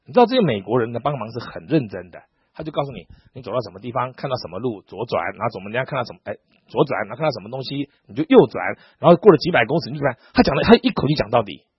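A man's voice: mid-range voice, very fast, husky, dry recording. A middle-aged pastor from Taiwan, preaching a sermon and acting out dialogue as he tells stories. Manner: animated storytelling, acting out dialogue. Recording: dull lo-fi sound.

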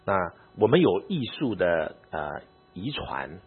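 Male pastor telling a story in a sermon, really raspy voice, pitch jumps all over, tinny phone-like sound. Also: unhurried. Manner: animated, emotional storytelling to an audience. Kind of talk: personal story told in a sermon. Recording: narrow phone-like audio.

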